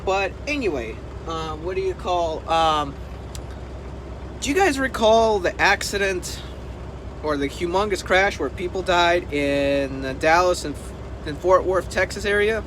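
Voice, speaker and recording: A trucker who hosts videos talks casually to his camera, pressing his points hard and repeating them. His high voice is animated, fairly bright and a little slow, set against noisy vehicle and outdoor sounds.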